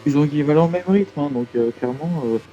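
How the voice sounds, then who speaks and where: A man's voice: fairly high pitch, fast, mellow, muffled recording, slight background noise. A man adding casual remarks as co-commentator on a live motor race.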